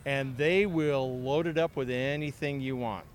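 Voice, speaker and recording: A man's voice: medium pitch, steady tone, unhurried. A man podcast co-host chatting outdoors in a city park, joking and self-deprecating. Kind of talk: casual chat outdoors.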